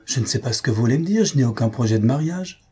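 A man voicing a tender, anxious young woman in an audiobook reading, raising his voice higher and speaking earnestly. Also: lively intonation, quick pace, warm tone, breathy edge.

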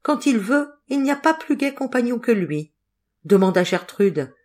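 A woman reading the lines of a lively, devoted young woman in an audiobook, in an eager and expressive way. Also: on the high side, normal speed, voice pushed up. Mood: defending.

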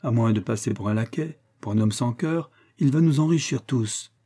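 A man reading the part of a mocking, witty young male friend in an audiobook, teasing in a lively raised voice. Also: medium pitch, moderate pace, lightly acted.

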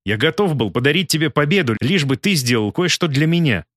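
A man's voice: a little high, lively intonation, brisk, a bit bright, no room sound, studio quality, pitched above the performer's own voice. A man voicing a cruel, scheming male villain in an audiobook, with a mocking, sneering manner. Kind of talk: audiobook character voice.

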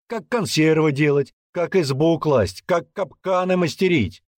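A man voicing a gruff, brutal old male warrant officer who barks and taunts loudly. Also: a little high, a little slow, dry recording, clean studio sound, pitched above the performer's own voice. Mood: taunting. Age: older. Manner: barking, taunting, loud.

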